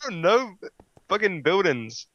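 Excitable man narrating his game. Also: sits high, unhurried, no room sound, dull audio. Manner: laughs a lot, excited play-by-play. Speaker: gamer. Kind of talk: casual gaming chat.

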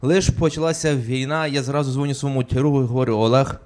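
A man's voice: medium pitch, fairly even intonation, fast, a little mellow. A young man from Ukraine with a stutter, performing a stand-up routine on a club stage and acting out the people he quotes. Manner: acts out relatives and officials in quoted voices. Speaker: stand-up comedian. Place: comedy club stage with audience laughter.

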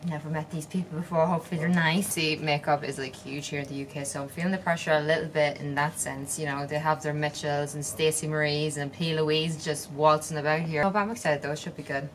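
A woman's voice: low voice, steady tone, fast, few pauses, a little hiss or hum. A young Irish woman and makeup artist, chatting upbeat to a handheld camera in a vlog, laughing often. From Ireland. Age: young adult. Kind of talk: casual vlog chat to camera.

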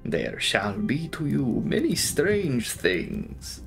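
A man voicing a courtly, commanding Transylvanian count in an audiobook, speaking in formal, drawn-out, measured phrases with a sinister edge. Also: medium pitch, wildly swooping pitch, vocal fry, faint music behind, voice pushed up, full character voice. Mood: formal, ominous. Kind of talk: dramatic audiobook character reading.

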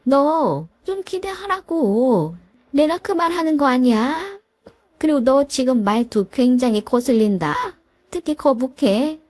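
A woman's voice: high-pitched, expressive, unhurried, a little mellow, dry recording, voice pushed up. A woman voicing a domineering, scolding older mother-in-law in a commanding tone.

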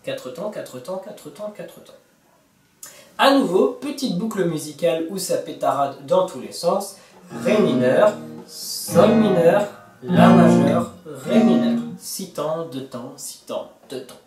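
A man's voice: fairly high pitch, expressive, takes it slowly, far from the mic. A man teaching a song on guitar, talking casually to the viewer, counting beats and singing bits of the lyrics. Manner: talks to the viewer informally, counts beats and sings lyric snippets over guitar. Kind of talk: guitar tutorial explanation. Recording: roomy, from off-mic, with guitar playing.

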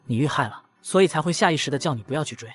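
A man's voice: on the high side, animated, very fast, a bit bright. A man reading a worried young wife. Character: anxious young wife, woman.

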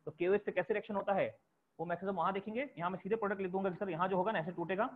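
Racing along in a high voice with fairly even intonation, a male chemistry teacher explains step by step and repeats key terms for his students to jot down. The audio is tinny and phone-like, with slight hiss or hum.

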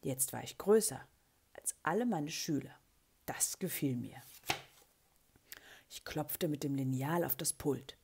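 A woman with a low, breathy voice reads a children's storybook aloud. Her tone is soft and husky, and she lifts the characters' lines with a lively, expressive delivery. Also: unhurried, pauses often. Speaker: children's book reader.

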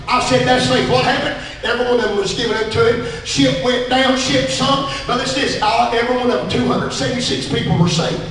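A Southern preacher with a strikingly high voice delivers a sermon that swings between ringing shouts and quiet asides. He sits well back from the mic, and his words bounce around a very echoey church. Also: recorded from a distance. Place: church sanctuary.

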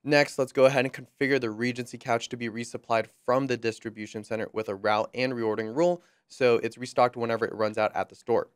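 A young man presenting a screen-recorded software walkthrough, friendly and upbeat with light jokes, on a close mic. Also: medium pitch, fairly even intonation, quick pace, few pauses, smooth, no room sound.

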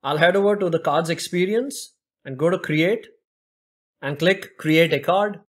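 Here a young man with a slightly higher-than-average male voice walks through a software demo one click at a time, unhurried and even, talking into a desk microphone as he records his screen for a tutorial.

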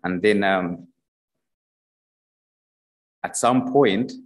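At a podium microphone on a church stage in a large hall, a young Ugandan man gives a personal testimony. His fairly low voice is extremely slow and hesitant, full of fillers and restarts. The audio is poor.

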